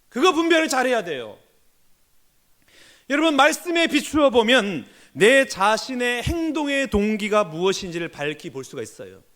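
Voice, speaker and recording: A man's voice: very high voice, pushed and bright. A man preaching a sermon as senior pastor in a church, earnestly putting questions to the congregation. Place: church sanctuary.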